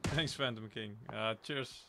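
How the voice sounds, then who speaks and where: A man's voice: lowish voice, a little slow. A young man from the south of the Netherlands, joking and laid-back as he gives casual commentary on his gameplay. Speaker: streamer. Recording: loud game noise behind voice.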